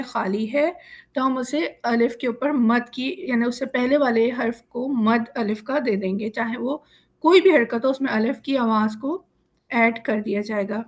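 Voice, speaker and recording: A woman with a slightly raised voice leads a Quran reading class, pronouncing each syllable slowly and clearly. She explains each rule patiently and step by step, as if speaking over a video call. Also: on the high side. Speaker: Quran teacher. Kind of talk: slow syllable-by-syllable drilling lesson.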